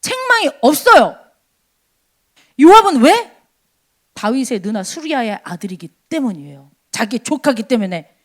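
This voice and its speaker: A high-voiced woman preaches a sermon at a church service. Her voice swings widely as she fires off rhetorical questions and acts out short quotes. She keeps the delivery animated throughout. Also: unhurried, pauses often.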